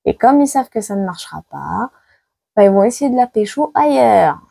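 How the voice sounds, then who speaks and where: Heat-weary and full of exclamations, a woman psychic repeats her dramatic predictions while reading cards in a live tarot video. Her medium-pitched voice has lively intonation, a slightly fast pace and vocal fry, sounding mellow yet a bit rough, with no room sound.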